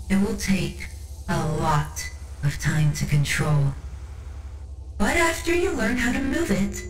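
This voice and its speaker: A woman playing a devout, motherly cyborg tech-priest in an ASMR roleplay, speaking formally, soothingly and with reverence. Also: mid-range voice. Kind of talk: ASMR roleplay, scripted monologue. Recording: roomy reverb with music underneath. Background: music.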